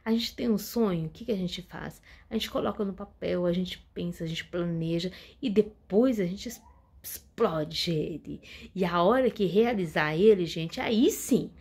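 Husky woman vlogging. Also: on the low side, a little slow. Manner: warm addresses to the audience, repeats words for emphasis. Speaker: channel host. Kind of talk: casual inspirational talk to viewers.

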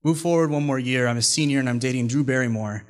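A man's voice: medium pitch, fast talker. A man in his twenties telling a personal story live on a small indoor stage, wry and self-deprecating, speaking into a stand microphone. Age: 20s. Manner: wry, self-deprecating, plays lines for laughs. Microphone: stand mic at mouth.

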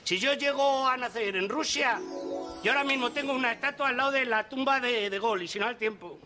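A middle-aged man with a Spanish accent in a sitcom, pompous and indignant, quick to raise his voice. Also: extremely high pitch, over music. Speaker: sitcom character, grown son. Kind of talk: sitcom acting.

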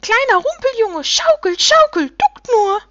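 A woman voicing a group of small, grumpy, dim-witted forest creatures with squeaky, sulky voices in a storybook reading. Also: very animated, unhurried, fairly bright tone, dry recording, lo-fi sound, exaggerated voice. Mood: grumbling singsong. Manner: squeaky, sulky, simple-minded.

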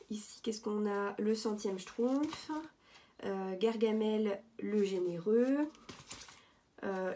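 Mellow-voiced woman chatting casually. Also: mid-range voice, a little hiss or hum. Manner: chatty, hesitant with many fillers and restarts. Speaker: vlogger showing thrift finds. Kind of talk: casual show-and-tell vlog. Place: at home, indoors.

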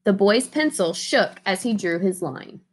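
A young adult woman reading a picture book aloud as host, with expressive, deliberate storytelling. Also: medium pitch. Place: small indoor room.

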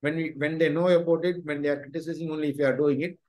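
A man's voice: a little high, steady tone, very fast, darkish tone. A man in his forties with a Tamil accent, answering interview questions informally on a video call. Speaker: interview guest, professor. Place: small furnished room at home, video call. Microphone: video call device microphone.

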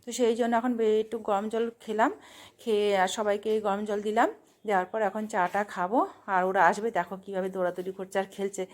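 A woman's voice: mid-range voice, little pitch movement, brisk. A woman narrating a home family vlog in a chatty, rambling way, correcting herself as she goes. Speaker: vlogger, mother.

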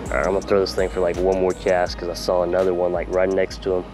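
Male fishing vlogger, lower register with a slight creak, easygoing slangy chat to camera, outdoors, clear music bed. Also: completely flat delivery, fast. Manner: laid-back, slangy, talking to viewers. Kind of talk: casual chat while fishing. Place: outdoors by a small pond.

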